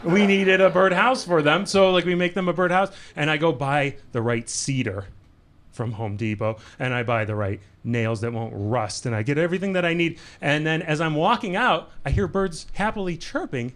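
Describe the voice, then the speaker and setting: A man's voice: a little high, lively intonation, normal speed, a bit bright. A man performing stand-up in a comedy club, playful and self-amused, working the crowd. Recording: live club recording with audience noise.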